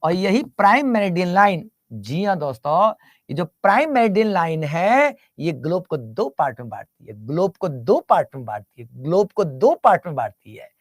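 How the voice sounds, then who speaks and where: A man's voice: high-pitched, sing-song, moderate pace, dry recording, studio quality. A male teacher lecturing a class, repeating terms and constantly asking the students to answer back. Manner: repetitive call-and-response questioning; teasing, mixes English terms into Hindi.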